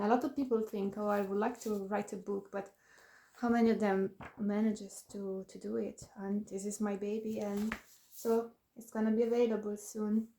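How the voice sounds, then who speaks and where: A woman's voice: mid-range voice, dark tone. A woman author chatting casually to camera about her new book, laughing often and making self-deprecating asides.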